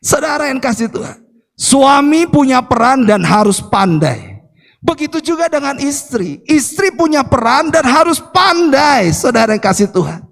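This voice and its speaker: A middle-aged man preaching a sermon, telling family stories in an animated way and often addressing the congregation directly. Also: extremely high pitch, normal speed, creaky. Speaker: pastor. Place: church hall. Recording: long hall reverb.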